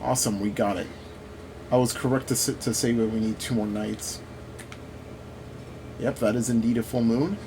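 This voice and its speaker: A gaming video host rambles through casual commentary over gameplay, thinking out loud in a mid-pitched voice. He speaks at normal speed with frequent pauses, while a clear, steady background noise runs beneath him.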